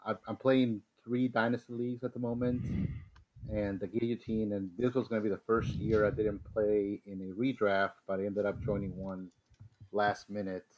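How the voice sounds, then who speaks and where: Low-voiced man from Mexico, chatting. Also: flat delivery, normal speed, a little mellow. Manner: rambling, many fillers and restarts. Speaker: guest. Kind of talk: casual podcast chat. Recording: slightly dull lo-fi sound with faint noise.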